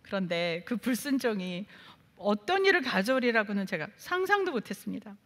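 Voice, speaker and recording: A woman missionary from Canada giving a testimony sermon, telling her story in a lively way and acting out her own prayers and replies. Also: mid-range voice, moderate pace, long reverb tail. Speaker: missionary preacher.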